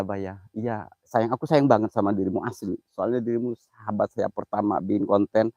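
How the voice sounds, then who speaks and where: A man's voice: on the low side, darkish tone, no echo. Male streamer, banters and laughs with chat; muffled, close audio. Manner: joking, teasing, laughs often, reads viewer comments. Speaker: live-streaming mystery host. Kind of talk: live stream chat while exploring at night.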